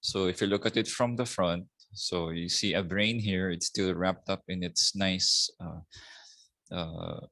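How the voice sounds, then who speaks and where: A middle-aged man with a Filipino accent giving a slow anatomy lecture, often ending points with a questioning "no?". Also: deep voice, fairly even intonation, pushed and bright, dry recording. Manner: slow, repetitive teaching with tag "no?". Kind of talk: recorded lecture.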